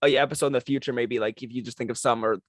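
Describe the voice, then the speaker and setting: A man's voice: mid-range voice, steady tone, rapid-fire, no echo. Male podcast co-host, easygoing game-night vibe, dry close-mic sound. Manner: easygoing, chuckling, runs the segment. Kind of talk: casual chat.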